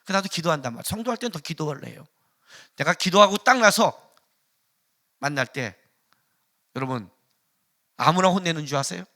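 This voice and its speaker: In an expressive, fairly high voice, a male pastor moves briskly through his sermon, pausing often. Rhetorical questions fly at the congregation as he swings from loud emphasis to hushed remarks.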